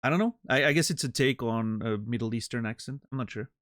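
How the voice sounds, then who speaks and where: A man streams and casually chats with his viewers, reacting to live chat while joking and rambling and interrupting himself with many restarts. His voice is medium-pitched, fast, and a bit bright, captured in a dry, clean studio recording.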